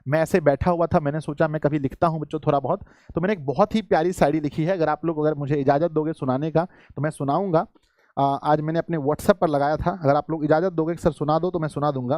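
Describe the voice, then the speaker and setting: Coaxing male teacher, fairly high voice. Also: darkish tone, no echo, studio quality. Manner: coaxing, repetitive, addresses students as children. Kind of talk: live online exam-prep class.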